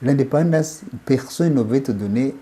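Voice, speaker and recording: Sounding like an interview guest giving political commentary, a man makes his point emphatically, restarting and repeating phrases as he builds it. His mellow, dark voice sits at a middle pitch and keeps a moderate pace.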